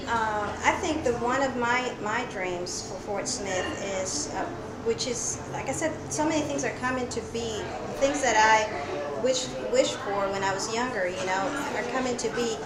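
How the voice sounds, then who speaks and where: A middle-aged woman from El Salvador chats as a guest in a casual interview. Her voice sits a little high, and she talks loosely, with many fillers and restarts. The recording is echoey, with heavy crowd noise of a busy coffee shop behind her. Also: a little slow. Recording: echoey cafe with crowd chatter.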